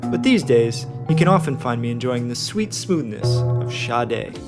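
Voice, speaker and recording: A man's voice: mid-range voice, expressive, measured pace, loud music behind the voice. A man co-hosting a podcast, reading a scripted narration in a wry, conversational way. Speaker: podcast host, bookseller.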